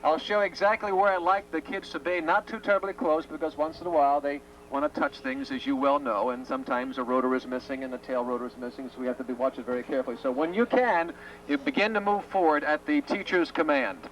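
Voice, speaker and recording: A man's voice: on the high side, fairly even intonation, quick pace, a bit bright. A man presenting a school program outdoors, addressing children and teachers in a projected, polite, wordy instructing manner. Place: outdoors beside a helicopter. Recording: very noisy outdoor live recording.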